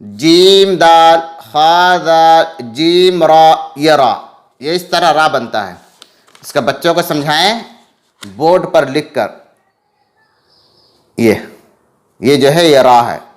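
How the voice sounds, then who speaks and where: Male teacher; unhurried, patient classroom delivery, slightly high voice. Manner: patient, repeats letter names slowly and drawn out. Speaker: Quran reading teacher. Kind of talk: slow explanatory lesson.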